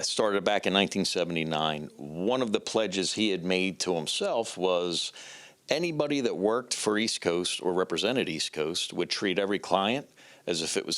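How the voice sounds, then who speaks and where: A man with a low voice answers as a company executive in an infomercial interview. He explains point by point in short phrases, as a sales explanation. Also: a bit bright. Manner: explanatory, step by step, seeks agreement.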